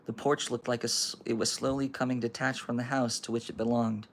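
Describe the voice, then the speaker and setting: Brief: male streamer, laid-back read-aloud with asides, some vocal fry. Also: mid-range voice, level tone, brisk, slight background noise. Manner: casual, chatty asides, loose recap with fillers. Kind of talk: reading a novel aloud to a live chat.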